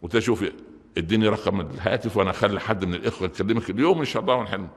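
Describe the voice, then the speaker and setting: A middle-aged man with an Egyptian Arabic accent giving a Friday sermon, animated, shifting between loud outbursts and quiet asides. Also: lowish voice, very fast, breathy edge. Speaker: preacher. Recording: reverberant hall.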